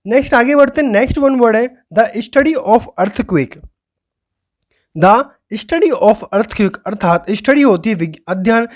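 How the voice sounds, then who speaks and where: A man's voice: sits high, a little mellow. Man quizzing and repeating vocabulary. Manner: asks quiz questions and answers them himself, repeating key words. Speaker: exam vocabulary teacher. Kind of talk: online lesson explaining words.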